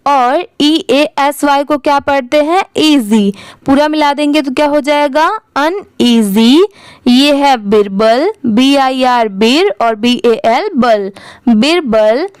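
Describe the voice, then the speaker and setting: A woman's voice: high voice, no room sound. A woman teaching English reading, spelling each word letter by letter, asking the viewer how to read it and then answering herself. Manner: spells words letter by letter, then blends them slowly; asks the viewer questions and answers them herself.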